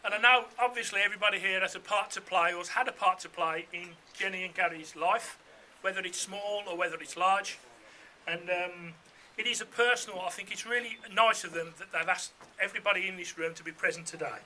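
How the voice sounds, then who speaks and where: Male, middle-aged; piercingly bright, high-pitched voice; jokey, conversational wedding speech. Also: brisk, a little hiss or hum. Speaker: father of the bride giving a speech. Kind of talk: informal wedding speech with comic anecdotes. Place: room full of wedding guests.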